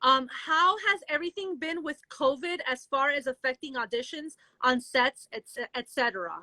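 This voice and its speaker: A woman's voice: high voice, moderate pace, sharp tone, dry recording, low-quality recording. A woman hosting a casual live interview, chatting and reading out viewers' questions. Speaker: interview host.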